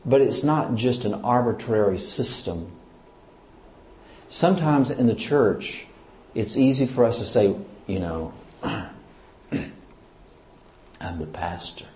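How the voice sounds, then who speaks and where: A man's voice: mid-range voice, measured pace, roomy sound. A man, a church leader, teaching in sermon style, asking his listeners questions and pressing his points with emphasis. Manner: asks the audience questions, lively and emphatic.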